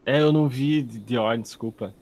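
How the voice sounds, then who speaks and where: A man's voice: medium pitch, brisk, darkish tone, faint music behind. A man speaking in a casual video call discussion, thoughtful, with many fillers and restarts. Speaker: study group participant.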